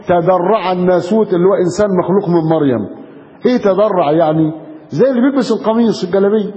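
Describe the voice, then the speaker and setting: Egyptian male preacher, quick and high-pitched, emphatic and questioning; dull recording with a long hall reverb. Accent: Egyptian Arabic. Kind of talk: religious lecture.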